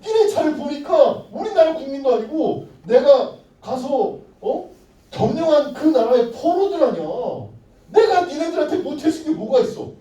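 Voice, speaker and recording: A man playing a furious shouting king. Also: very high voice, animated, moderate pace, pitched above the performer's own voice. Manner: shouting, scolding, threatening. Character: furious boastful ancient king, absolute ruler. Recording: echoey room, mic far off.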